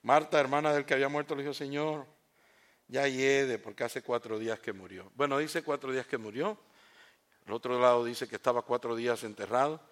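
A man preaching a sermon in church, reading a scripture story aloud with joking asides, rising to loud proclamations and dropping to hushed, slow lines. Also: medium pitch. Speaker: pastor.

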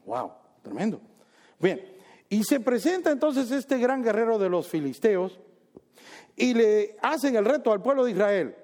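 A man preaching a sermon, telling a story in an animated way with jokes. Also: high-pitched, measured pace.

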